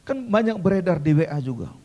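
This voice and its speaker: A man preaching an animated sermon, calling out to his congregation as their pastor. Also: sits high, brisk, highs cut off.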